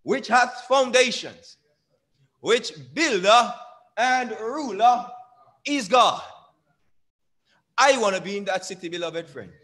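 A young man preaches from the pulpit of a small church sanctuary in a high-pitched, expressive voice with a sharp tone. He draws out key words in emphatic lines and quizzes the congregation call-and-response style, captured by a pulpit microphone on a stand.

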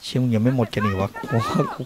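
A man's voice: medium pitch, wildly swooping pitch, fast, very noisy. Chatty man swearing through gameplay. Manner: chatty, swears casually, exclaims often. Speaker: gaming streamer. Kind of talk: casual let's-play commentary.

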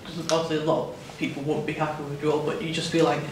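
A man's voice: a little high, level tone, racing. A man who works as a sports journalist, asking rambling questions with restarts at a press conference. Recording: echoey room, distant from the mic, noisy.

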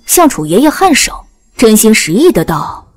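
Expressive woman audiobook narrator. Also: on the high side, normal speed.

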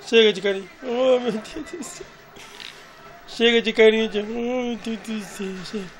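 A man's voice: high-pitched, fairly even intonation, moderate pace, slight background noise, poor audio. A man filming his family at home on a phone, chatting playfully and doting on the family dog. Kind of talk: casual home video narration. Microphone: phone camera.

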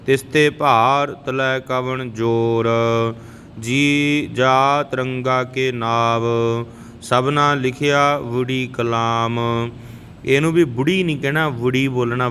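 A man teaching scripture pronunciation, reciting verses in a measured way and correcting words in quick asides. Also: fairly bright tone. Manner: slow measured recitation, brisk spoken corrections. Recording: reverberant hall, faint rumble.

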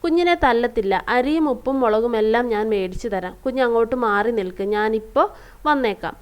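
Woman reading as gentle rickshaw man, soothing a child, storybook reading, fairly high voice. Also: brisk, smooth, lightly acted. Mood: reassuring. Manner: gentle reassuring. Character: kind male rickshaw puller comforting a child.

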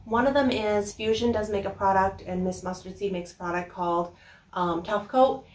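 A woman's voice: medium pitch, fairly even intonation, moderate pace, echoey room, a little hiss or hum. A woman in her thirties hosting a casual how-to vlog, chatting with ums as she works in a small indoor workshop and is picked up by a camera mic at a distance. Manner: chatty, explains while working, frequent ums. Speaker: furniture upcycling host.

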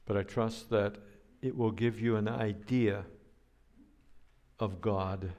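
This is an older man preaching from the pulpit in an unhurried, measured way. His voice sits on the low side, and he now and then breaks into playful noises to make a point. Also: steady tone, darkish tone. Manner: slow, deliberate preaching with playful sound effects. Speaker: pastor. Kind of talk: sermon.

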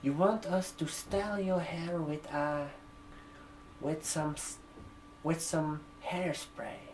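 A young man in his 20s talks very slowly in an ASMR role-play, playing a barber shop receptionist, halting and repeating words as he types on a computer keyboard. His voice is a little high with fairly even intonation. The indoor room with sofas gives a roomy echo, and there's a slight hiss or hum.

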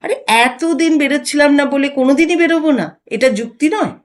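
A woman's voice: high-pitched, brisk, voice pushed up, natural voice. A woman narrator voicing a wry older husband who teases and mocks his wife. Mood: evasive. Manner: bantering, mocking.

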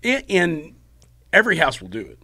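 A man co-hosting a podcast as an insurance agent, explaining in a relaxed, reassuring way. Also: a little high, normal speed, husky. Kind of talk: casual podcast chat.

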